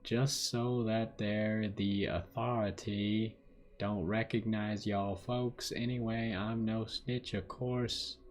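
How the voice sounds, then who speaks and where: A folksy crook with a put-on Southern drawl, as a man reads his letter aloud. He speaks in a low, unhurried voice and stretches out each phrase. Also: steady tone. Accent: put-on American Southern. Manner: slow drawling read-aloud. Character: folksy male treasure-hoarder letter writer.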